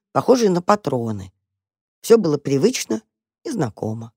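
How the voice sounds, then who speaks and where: A narrator reading a children's story aloud in an expressive, measured way. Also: mid-range voice, dry recording, studio quality.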